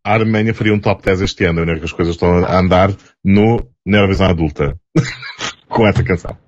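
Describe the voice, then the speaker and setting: A man's voice: deep voice, quick pace, muffled recording. A man with a European Portuguese accent co-hosting a casual podcast, making dry, brief remarks. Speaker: podcast co-host. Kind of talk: casual chat.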